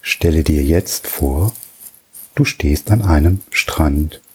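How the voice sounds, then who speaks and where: A man guiding a relaxation journey in a soft, soothing way, with long pauses between phrases. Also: rumbling low, breathy edge. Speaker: meditation guide.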